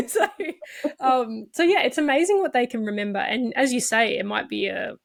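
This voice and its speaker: A woman's voice: fairly high pitch, moderate pace, gravelly. A woman hosting a podcast interview, chatting in an empathetic, casual way. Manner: empathetic, chatty, laughs often. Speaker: podcast host.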